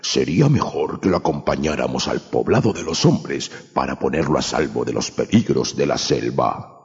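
A man voicing a big, calm, friendly male bear who speaks in a reassuring way. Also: rumbling low, normal speed. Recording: echoey, dull, music behind.

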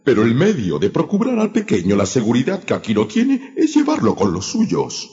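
A man voicing a wise, careful female panther who speaks in an earnest, measured way. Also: mid-range voice, huge pitch swings, mellow, voice pushed up. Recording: echoey, dull, music behind.

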